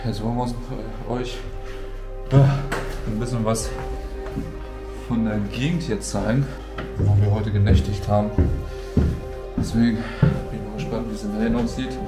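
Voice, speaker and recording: A man's voice: lowish voice, little pitch movement, moderate pace, pauses often, music in the background. A man giving an informal, colloquial walk-through commentary as a vlogger out and about. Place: mostly outdoors, walking through an abandoned housing estate.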